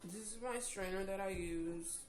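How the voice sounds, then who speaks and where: A woman's voice: mid-range voice, normal speed, a little mellow. A tired woman recovering from surgery, casually giving practical advice to viewers in a vlog. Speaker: vlogger sharing her jaw surgery recovery. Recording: echoey room with clear background noise.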